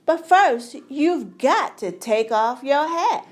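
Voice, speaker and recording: Gentle executioner, read by a woman, apologetic and kind, slow. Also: high-pitched, lively intonation, voice pushed up. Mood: kindly. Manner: kindly, apologetic. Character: friendly gentle male executioner.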